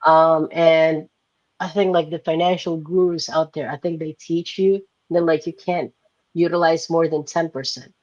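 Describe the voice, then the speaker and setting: Answering interview questions in a relaxed way, a young Filipino entrepreneur guest talks at a moderate pace in a slightly high, darkish voice with fairly even intonation. His explanations lean heavily on fillers, especially "like" and "right?". The sound is lo-fi, with no room sound.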